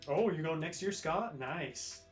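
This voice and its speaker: In an unhurried, animated way, an American man with a slightly high voice hangs out with livestream viewers, laid-back and full of slang. Behind him is guitar music, and the recording has a roomy echo.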